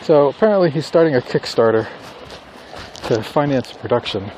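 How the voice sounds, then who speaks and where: Casting: middle-aged man, soft dark tone, casual thinking-aloud delivery, walking outside with light ambient noise. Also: medium pitch, animated, normal speed, rough recording. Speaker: writer recording an audio journal. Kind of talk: casual solo monologue while walking outdoors. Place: outdoors in falling snow, on a walk.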